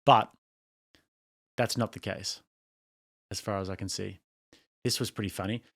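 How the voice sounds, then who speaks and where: A man's voice: on the low side, steady tone, a little slow, creaky, fairly bright tone. An Australian man hosting a casual reaction commentary, blunt and mocking, laughing at what he watches. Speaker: commentary channel host.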